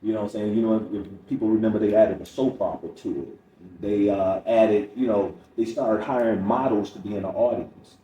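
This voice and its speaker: A middle-aged comedian guesting on a podcast tells stories candidly and quotes people as he goes, in a mellow voice on the low side. His tone is steady, his pace moderate, and the highs are cut off. A distant mic picks up room echo and faint noise.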